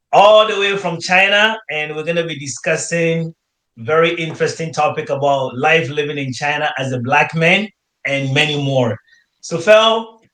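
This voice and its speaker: A man's voice: on the high side, a bit bright, roomy sound, rough recording. A man hosting an online interview show, enthusiastic with frequent exclamations. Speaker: host.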